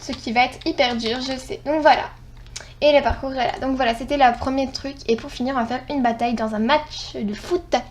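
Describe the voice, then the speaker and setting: A woman hosting a gaming channel, chatting casually through her gameplay, excitable and rambling, often correcting herself. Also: high voice, brisk.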